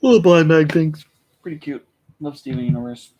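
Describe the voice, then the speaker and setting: Soft-spoken, rambling young man. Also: on the high side, brisk, highs cut off. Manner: laid-back, rambling, with many fillers and asides; keeps his voice down. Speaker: vlogger. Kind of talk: casual unboxing chat. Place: room at home with shelves.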